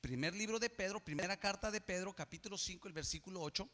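A man preaching a sermon as pastor, building to loud emphatic peaks. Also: high voice, fast talker. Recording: reverberant church hall.

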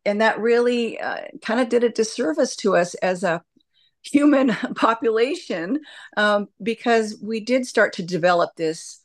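A woman's voice: a little high, expressive, measured pace. A woman answering interview questions conversationally as a hospice nurse and educator, reflective and explanatory.

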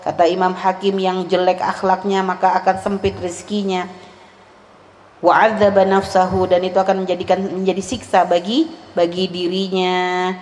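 A woman's voice: on the low side, little pitch movement, moderate pace, darkish tone. A woman with a Javanese accent giving a religious lesson to women, reciting Arabic lines and translating them with chatty asides. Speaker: Islamic religious teacher. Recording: echoey hall, faint background noise.

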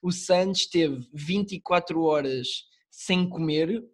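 A man's voice: fairly high pitch, slow. A young man with a Lisbon Portuguese accent co-hosting a podcast, chatting casually in heavy slang and swearing freely. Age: young adult. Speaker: podcast co-host. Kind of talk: casual chat. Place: online call.

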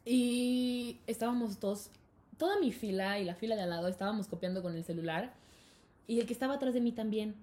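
A young woman with a Mexican accent telling a school story in casual chat, lively and full of laughter. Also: fairly quick. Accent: Mexican Spanish. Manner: animated, laughing, acts out quotes in high voices.

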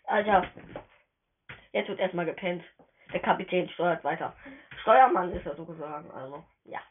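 A woman giving casual, excitable let's-play commentary as she plays, chatty and slangy, often tripping over her words. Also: fairly low pitch, moderate pace. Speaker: gamer narrating her play. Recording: tinny phone-quality voice message.

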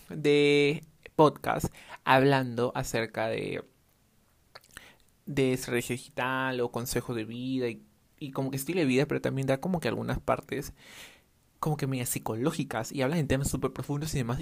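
Rambling man with vocal fry. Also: medium pitch. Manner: rambling, keeps drifting off topic. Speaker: podcast host, clothing brand owner. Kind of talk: casual solo podcast monologue. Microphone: no dedicated microphone.

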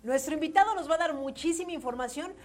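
A woman from Mexico hosting a live talk show, giving friendly advice and briskly announcing the breaks and the guest. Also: high voice. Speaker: radio show host.

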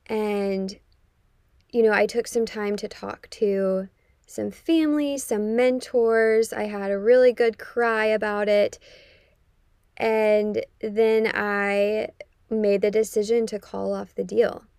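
A woman's voice: medium pitch, fairly even intonation, slow, darkish tone, no echo, studio quality. A young American woman from the Midwest hosting a casual solo podcast, her voice muffled from recording inside a closet. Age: young adult. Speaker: podcast host and counselor. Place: dark closet at home.

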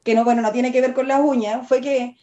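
High-voiced Chilean woman telling anecdotes. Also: a little fast. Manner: animated, laughing while telling anecdotes. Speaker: nail artist and tattooist. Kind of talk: casual storytelling. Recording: muffled lo-fi audio.

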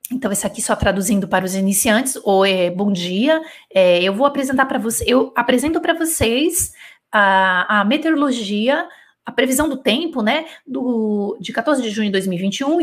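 A woman teaching a live French dictation lesson, explaining patiently and checking in with her students often. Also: a little high. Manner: explains patiently, switching between Portuguese and French examples; animated, with frequent checks like "né?" and "d'accord?".

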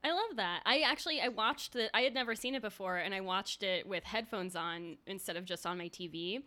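A woman co-hosting a podcast in casual chat, talking quickly and laughing often. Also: medium pitch, pushed and bright. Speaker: podcast co-host.

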